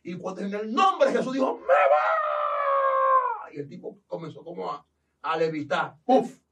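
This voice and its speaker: A pastor from the Dominican Republic briskly and animatedly shares his testimony, acting out the voices he quotes in a Dominican Spanish accent. His voice is high-pitched, he's far from the mic, and there's heavy background noise.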